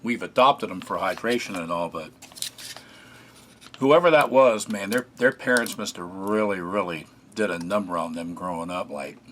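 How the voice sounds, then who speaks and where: A man casually narrating a food taste test, relaxed and chatty, often pausing with fillers as he eats. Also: sits low, a little hiss or hum. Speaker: food reviewer.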